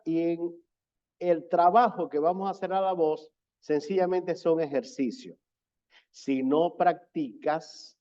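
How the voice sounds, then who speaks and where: A man gives a slow, deliberate lecture on public speaking, repeating key words for emphasis. His voice sits a little high and sounds mellow and soft-edged. The audio is slightly dull and lo-fi, as from a computer mic on an online presentation.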